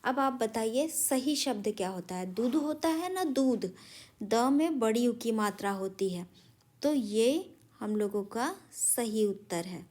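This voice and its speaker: In a slow, animated voice with a fairly high pitch and darkish tone, a woman who teaches Hindi at primary school works through grammar with young children. She corrects their sentences and spells words out with patience, in this recorded lesson.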